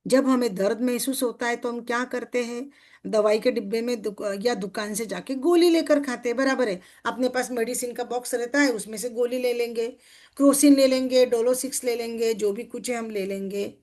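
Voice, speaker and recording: Fairly high-voiced coach with a lilt. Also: female voice, moderate pace, darkish tone. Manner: keeps asking the listeners questions and checking they agree; acts out everyday scenes in quoted speech. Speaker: success coach. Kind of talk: motivational group workshop talk.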